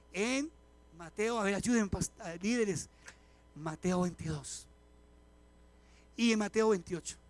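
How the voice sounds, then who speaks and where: Standing before his congregation at a live church service, the middle-aged pastor talks in a voice pitched unusually high for a man. His delivery is lively and chatty, mixing funny anecdotes with direct questions to the pews.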